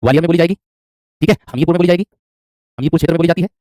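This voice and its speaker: Male Hindi teacher, rapid-fire delivery, dry close sound, repeats and quizzes. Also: on the high side, warm tone, dry recording. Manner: repetitive, quizzing, calls students "my friend". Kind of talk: online class lecture.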